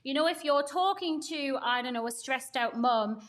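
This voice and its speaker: Woman co-host, high voice, emphatic casual explainer on marketing. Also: expressive, moderate pace, fairly bright tone. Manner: emphatic, talks in long runs with examples. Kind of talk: casual podcast chat on marketing.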